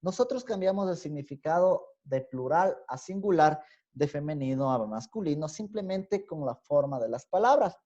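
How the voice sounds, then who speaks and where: A male university teacher with an Ecuadorian highland accent gives an online class lecture. He explains step by step and keeps checking in with a rising "¿sí?". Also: animated, normal speed, mellow. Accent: Ecuadorian highland Spanish. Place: home room on a video call. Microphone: computer mic on a video call. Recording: dull, lo-fi video-call audio.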